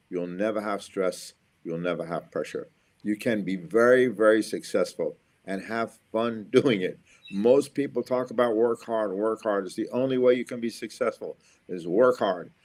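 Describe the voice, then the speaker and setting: This American man from Florida is middle-aged and works as an engineer who also speaks at schools. His pitch sits fairly low with a slightly mellow quality. He answers interview questions in an upbeat, motivational way, circling back to the same key phrases.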